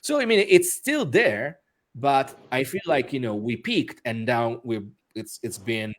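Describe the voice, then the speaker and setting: A man's voice: mid-range voice, lively intonation, a little slow, a little hiss or hum. A man speaking as an interview guest, talking casually with many restarts and fillers and laughing often. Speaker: interview guest, author and musician.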